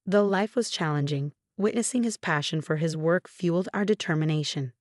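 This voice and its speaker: A woman narrating a first-person drama story in a steady, measured reading voice. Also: lowish voice, no echo, clean studio sound. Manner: even, measured reading of all characters in one voice.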